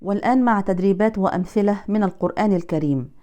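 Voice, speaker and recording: A woman teaching Quran recitation, explaining in a measured way how each letter is pronounced and contrasting correct and incorrect forms. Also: medium pitch, dark tone. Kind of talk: Quran pronunciation lesson.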